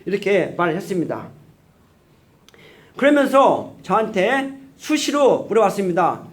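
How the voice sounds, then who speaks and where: A man giving a church testimony, telling his story earnestly in slow, deliberate phrases and acting out the dialogue. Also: high voice, sing-song.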